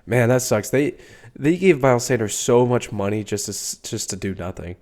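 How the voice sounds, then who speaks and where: A young male podcast host with a congested, stuffy, mid-range voice rambles casually through a solo sports podcast. His intonation is lively, his speed normal and his tone darkish, with lots of fillers and the odd swear.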